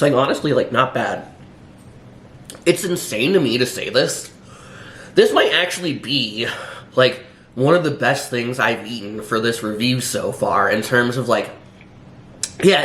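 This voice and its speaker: A hungover man with a mid-range voice and fairly bright tone offers a casual, unscripted food review. He rambles, hesitates, stays dryly sardonic, and fills gaps with filler words. The recording carries roomy echo and faint background noise.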